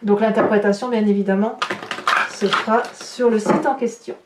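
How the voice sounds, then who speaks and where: A woman speaks in a steady mid-range voice at a moderate pace while improvising a tarot reading as a channel host for her viewers. Commenting on the cards, she lets out astonished, exclamatory asides, heard through a distant mic with roomy echo and background noise.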